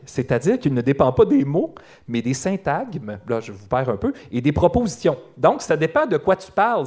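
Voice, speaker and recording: Un homme à l'accent québécois anime un balado en direct devant public, avec un ton joueur et des jeux de mots. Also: male voice, fairly high pitch, a little mellow, husky. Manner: playful, joking wordplay, frequent laughs. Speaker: podcast host. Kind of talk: live comedy podcast commentary. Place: live show in a concert hall.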